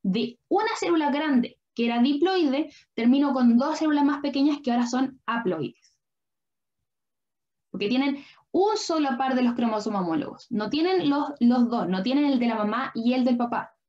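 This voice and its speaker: A woman's voice: sits high, animated, moderate pace. A young woman, a biology tutor patiently explaining a lesson and often checking that students follow. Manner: patient, checks understanding with frequent questions. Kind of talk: online lesson explaining at a drawing board. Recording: dull lo-fi online class audio.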